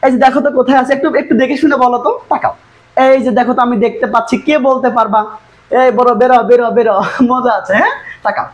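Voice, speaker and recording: A woman's voice: sits high, steady tone, highs cut off. A woman English tutor teaching an exam-prep lesson, coaxing the students to look and follow along. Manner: fast, coaxing, repeatedly urging students to look.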